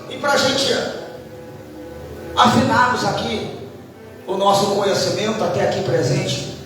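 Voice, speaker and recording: A fervent male preacher from Brazil, his voice pitched very high and climbing into shouts. He sounds far from the mic, inside a long, ringing hall, with music playing clearly underneath. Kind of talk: sermon. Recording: echoey hall, distant mic, music behind.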